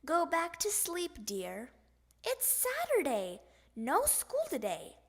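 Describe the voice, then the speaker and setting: Brief: woman doing a calm, patient mom frog, slow and sing-song, picture book. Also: very high voice, creaky, pitched above the performer's own voice, full character voice. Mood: soothing. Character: gentle mother frog. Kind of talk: picture book read-aloud.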